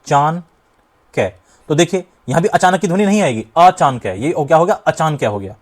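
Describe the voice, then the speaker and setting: A young man teaching grammar for exam prep, emphatic and repetitive, slowly sounding out syllables to demonstrate. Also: on the high side, very animated, a little mellow. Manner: emphatic, repeats key points, often says "dhyaan deejiye". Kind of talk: exam-prep lesson at a board.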